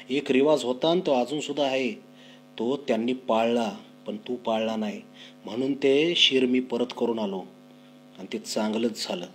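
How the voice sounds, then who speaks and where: A man playing a stern, proud village headman scolding his son forcefully. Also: medium pitch, close to an everyday voice, poor audio.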